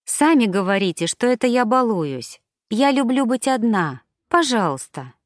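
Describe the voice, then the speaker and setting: A woman's voice: on the high side, very animated, moderate pace, dry recording, studio quality. A woman voicing a cheerful, playful young lady.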